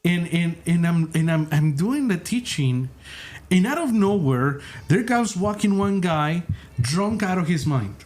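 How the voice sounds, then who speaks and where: A man's voice: sits high, big pitch swings, unhurried, darkish tone. A man who is a pastor, earnestly telling a story in casual conversation and stringing his sentences together with repeated "and.".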